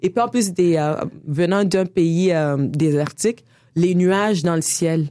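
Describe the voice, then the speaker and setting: A woman in her forties from Niger, with a Quebec French accent, telling her life story in a relaxed interview, full of hesitations and laughter. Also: fairly low pitch, measured pace, no room sound, studio quality. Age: 40s. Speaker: guest. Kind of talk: casual conversational interview.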